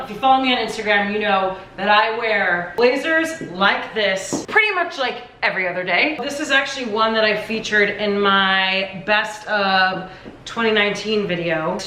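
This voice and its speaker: A woman's voice: medium pitch, normal speed. A young adult woman chatting casually through a fashion styling vlog, upbeat and full of filler "like"s. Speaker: fashion vlogger. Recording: echoey room, distant mic.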